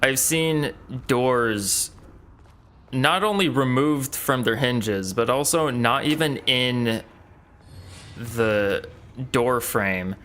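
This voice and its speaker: Slow, dry-talking male gamer. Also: mid-range voice, fairly bright tone. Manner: dry, sarcastic asides. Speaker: let's play streamer. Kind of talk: casual gameplay commentary.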